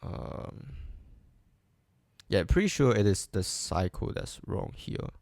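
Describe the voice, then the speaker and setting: A man with a low, gravelly voice works through a coding problem aloud at an unhurried pace. He hesitates often and makes light fun of his own mistakes, and the dry recording has no room sound. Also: sing-song, a little mellow, dry recording. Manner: hesitant, full of ums and restarts, self-deprecating. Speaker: coding streamer. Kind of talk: thinking aloud while live coding.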